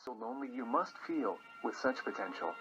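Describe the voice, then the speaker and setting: A synthetic male voice playing a brooding, angry creature in a dry, flat robot monotone. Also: mid-range voice, brisk. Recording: dull lo-fi audio with music behind.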